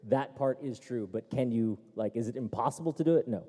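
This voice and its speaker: Speaking fairly quickly in a dark, mid-range voice, a man on a seminar panel handles tech questions. His delivery is casual, with many fillers and restarts, and the recording picks up the echo of the hall.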